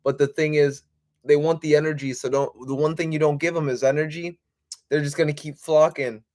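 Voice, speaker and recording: Higher-pitched man chatting casually on livestream. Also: fairly even intonation, fairly quick, darkish tone. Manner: informal, repeating himself and addressing viewers. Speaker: livestream host, life coach.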